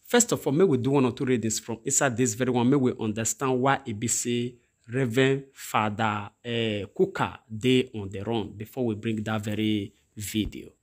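Man with a husky Nigerian Pidgin voice. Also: medium pitch. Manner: rambling, repetitive phrasing. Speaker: channel host. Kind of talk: news commentary in Pidgin. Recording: voice-over over news images.

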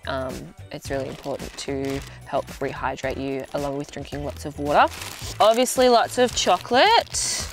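A young Australian woman chats easily to the camera while sitting outdoors in the bush. Her voice sits low for a woman and she drops in plenty of ums. Soft music plays quietly in the background. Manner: relaxed, chatty, frequent ums. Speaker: hiker presenting gear video. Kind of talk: casual explanation to camera. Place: outdoors in open bushland.

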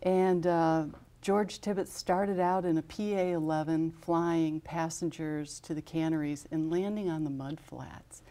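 A woman in her fifties with an American accent, she's a guest from an aviation safety foundation listing honorees in a television studio interview. Her low, mellow voice keeps fairly even intonation at a measured pace with hardly any pauses, and she speaks steadily and informatively, though with frequent fillers.

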